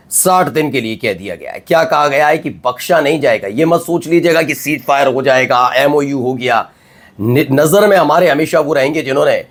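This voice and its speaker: A man hosting a news commentary show, emphatic and full of rhetorical questions and drawn-out pauses. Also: mid-range voice. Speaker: news anchor.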